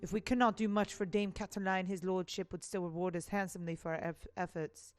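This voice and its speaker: A woman voicing a dignified falcon gentleman lawyer in a put-on French accent, reading formally and theatrically for a game. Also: lowish voice, fairly even intonation, brisk, no echo, natural voice. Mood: pompous, eager. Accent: mock French, put on.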